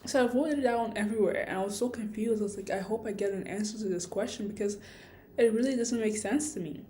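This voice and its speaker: Talking fast in a mellow, mid-range voice, a woman tells a personal story on her vlog in a loose, rambling, reflective way, often second-guessing herself. Retainer-like aligners give her a lisp, and slight noise sits in the background.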